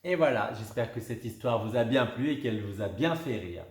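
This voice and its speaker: A man reading a children's story aloud in an expressive, lively way. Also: lowish voice, a little fast. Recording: roomy echo.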